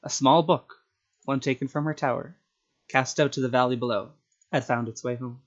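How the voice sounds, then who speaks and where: On a relaxed livestream, a man reads aloud short stories he wrote himself, speaking at a moderate pace with fairly even intonation. His voice is medium in pitch, and the mic sounds a little dull and lo-fi.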